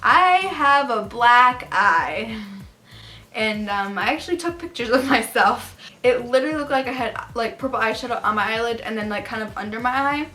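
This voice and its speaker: A woman's voice: a little high, fast talker, few pauses, a bit bright, a little hiss or hum. A young adult woman casually telling personal stories to camera in a chatty, gossipy, emphatic way. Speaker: storytime vlogger. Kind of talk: casual confessional storytelling to camera.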